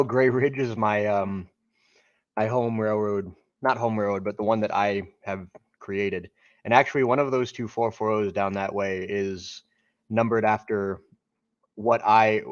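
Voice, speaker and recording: Low-voiced man hosting a game stream. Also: no room sound, muffled recording. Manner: halting, filler-heavy, friendly. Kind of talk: casual gameplay chat.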